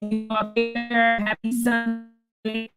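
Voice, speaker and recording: Slow, earnest woman hosting a livestream. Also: on the high side, completely flat delivery, loud music behind the voice. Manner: earnest, repeats points for emphasis. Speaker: livestream host. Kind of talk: live-stream commentary.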